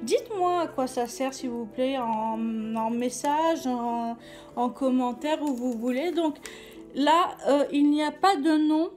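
A woman's voice: high voice, slow, darkish tone, faint music behind. A woman doing a casual makeup review vlog, chatty and hesitant, with many fillers and restarts. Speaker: beauty vlogger.

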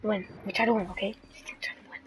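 A young woman giving jumpy gameplay commentary, often dropping to hushed whispers and then bursting out with gasps. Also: medium pitch, fairly even intonation, fast, background noise. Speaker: gaming video creator.

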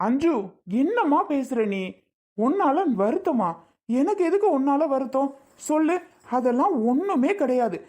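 A woman playing a worried middle-aged father and elder brother in a home-made family drama skit, talking slowly and heavily. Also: sits high, animated, darkish tone. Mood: reassuring.

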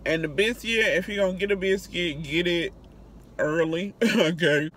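A woman's voice: fairly low pitch, moderate pace, fairly bright tone. A woman hosting a casual food review vlog, talking to her viewers in a chatty, conversational way. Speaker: food reviewer and channel host.

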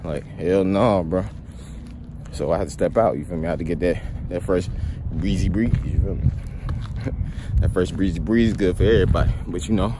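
A young man's low voice rambles through a casual vlog as he walks a sunny street, phone held low at arm's length. Sounding slightly sick with a cold, he stays laid-back and asks "you feel me" over and over, while traffic passes amid the street noise.

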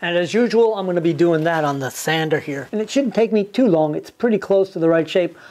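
A man's voice: high-pitched, brisk, a little mellow. A man in his fifties explaining a lure build step by step in a home workshop, thinking aloud as he goes. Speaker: lure maker demonstrating a build. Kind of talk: workshop tutorial.

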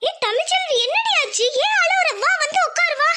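Someone voicing an excitable young friend. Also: very high voice, normal speed. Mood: urgent. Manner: excitable, urgent. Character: young village woman, excitable loyal friend.

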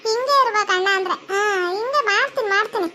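A woman's voice: very high voice, fast talker, bright, forceful tone, a little hiss or hum. A woman voicing a sly, bossy young sister-in-law who schemes and threatens, with a North Karnataka Kannada accent.

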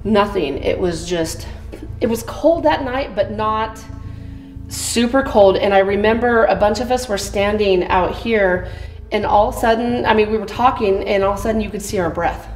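A woman's voice: medium pitch, moderate pace. A woman working as a tour guide, telling casual anecdotes about her experiences. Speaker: tour guide at a haunted site. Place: dark indoor rooms of an old building. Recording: roomy echo, music behind.

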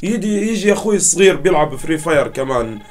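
A man, commenting loudly on a mobile game with animated mock outrage. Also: a little high, fast, a little hiss or hum. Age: 20s. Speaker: gaming YouTuber. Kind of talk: excited gameplay commentary.

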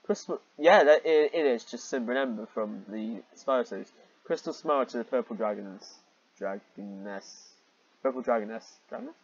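A man with a husky, mid-range voice reads fan fiction aloud at a moderate pace, his intonation lively and the highs cut off in the recording. He mocks the story, sounding exasperated, and keeps getting sidetracked into rambling asides to comment on it.

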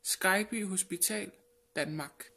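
A woman reading an audiobook in a measured, grave narration. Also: mid-range voice, creaky, background noise. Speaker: audiobook reader. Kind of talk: scripted narration. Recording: narration with music bed. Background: music.

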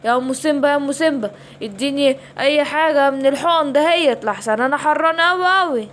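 A woman's voice: sits high, fast, a bit bright. A woman with an Egyptian accent voicing a kind, fretful father lion in a children's bedtime story. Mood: complaining. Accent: Egyptian Arabic.

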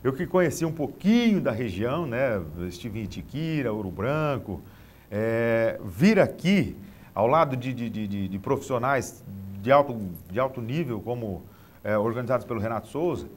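With lively intonation and a moderate pace, a middle-aged Brazilian rodeo announcer speaks casually as an interview guest, standing in a TV studio. His medium-pitched voice comes with a slight hiss or hum, and he often repeats small words while finding his next phrase.

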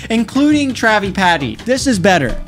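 A man's voice: sits high, big pitch swings, moderate pace, fairly bright tone. A young man giving casual, exaggerated and sarcastic reaction commentary as host, close on a studio microphone in a small room. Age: young adult. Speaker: host of a video reaction show. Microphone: close studio microphone on a boom arm. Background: music.

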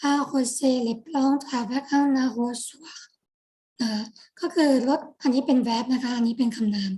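Soft-toned Thai woman teaching French. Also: high-pitched. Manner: slow, patient, repeats words. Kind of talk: vocabulary lesson.

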